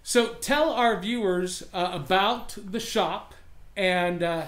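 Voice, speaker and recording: A man's voice: sits high, takes it slowly, a bit bright. A man hosting a road-trip video, introducing a shop and its owner with upbeat enthusiasm. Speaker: show host. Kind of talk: casual vlog hosting.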